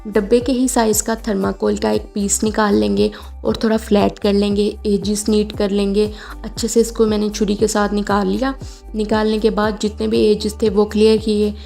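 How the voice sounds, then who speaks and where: A woman's voice: medium pitch, flat delivery, moderate pace, creaky, warm tone. Chatty woman explaining a home craft. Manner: chatty, homely, with frequent fillers. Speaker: DIY craft vlogger. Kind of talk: casual step-by-step craft tutorial. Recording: home video with faint background music.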